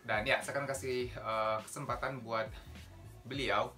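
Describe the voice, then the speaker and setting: A man's voice: mid-range voice, fairly even intonation, measured pace, bright, forceful tone, soft background music. A man around thirty from Indonesia, hosting his casual vlog and reminiscing with an old school friend in an upbeat way. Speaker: vlog host. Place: indoors, on the road.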